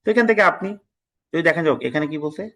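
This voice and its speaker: A man's voice: fairly high pitch, animated, fairly bright tone, low-quality recording. A man from Bangladesh teaching an online test-prep class. He lectures casually, mixes English words into his talk, and scolds his students now and then. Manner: reads practice passages aloud slowly and deliberately.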